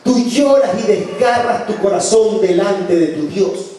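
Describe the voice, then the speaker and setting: With a distant mic catching lots of church echo and faint noise, a man delivers a sermon in a church hall, recounting personal stories with earnestness and altering his voice for quoted lines. He speaks at a measured pace in a high voice with a dark tone.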